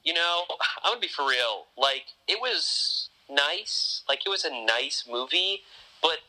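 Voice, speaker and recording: A man hosting a podcast in casual chat, thinking out loud and rambling through many restarts. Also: a little high, animated, measured pace, low-quality recording. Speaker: podcast host.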